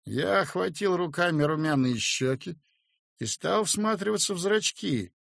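Male audiobook narrator, gravelly, a bit high, dry close sound. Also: lively intonation, a little slow, fairly bright tone, no room sound. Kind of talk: audiobook reading.

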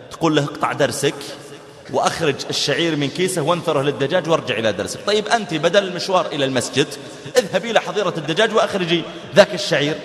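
High-voiced man preaching in an echoey hall. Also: fairly bright tone. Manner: dramatic, acts out the dialogue with big swings in voice. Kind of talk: sermon storytelling.

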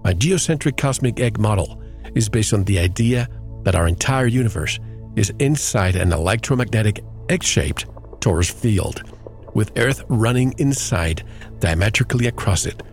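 A man hosting a radio talk show with a somewhat low voice. He speaks in a measured, earnest manner. Soft music plays faintly behind him. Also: expressive.

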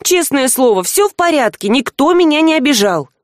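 A woman reading an audiobook voices a jumpy, easily flustered young woman in a shrill, indignant tone. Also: big pitch swings, fairly quick, dry recording, clean studio sound. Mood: pleading.

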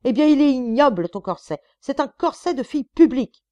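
A woman's voice: high voice, expressive, brisk, darkish tone, dry recording, highs cut off, voice pushed up. Woman doing a coaxing henpecked husband. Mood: exasperated. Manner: coaxing, stammering. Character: pleading henpecked husband, stammering, then exasperated.

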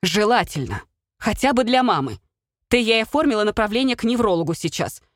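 A woman's voice: mid-range voice, sing-song, fairly quick, no echo, pitched above the performer's own voice, lightly acted. A woman doing a blustering middle-aged father. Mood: exasperated.

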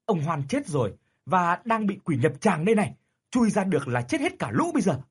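A man voicing an older man who shouts urgent commands in a crisis. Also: high voice, big pitch swings, fairly quick, slightly rough, voice pushed up, heavily acted. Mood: shouting urgently. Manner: barking orders, shouting.

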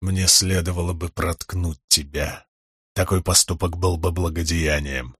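A man voicing a cold young nobleman who speaks calmly and quietly. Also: a little slow, husky, dry recording, studio quality, exaggerated voice. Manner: calm, cold, low.

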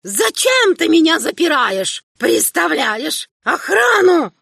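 A woman voicing an old, half-blind male emperor who rants and shouts in a quavering old man's voice, reading an audiobook. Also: sits high, sing-song, gravelly, no room sound, clean studio sound, pitched above the performer's own voice, heavily acted. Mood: ranting fury. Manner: ranting, shouting, drawn-out curses. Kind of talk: audiobook character voice.

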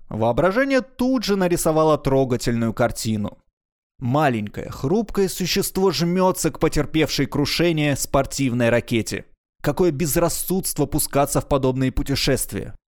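A man narrating a science fiction audiobook in a measured, expressive reading voice. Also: a little high.

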